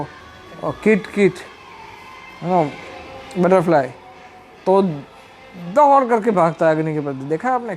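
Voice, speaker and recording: A man giving a storytelling sermon as a devotional speaker, retelling lively scenes with acted dialogue and frequent "haan" asides. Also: sits high.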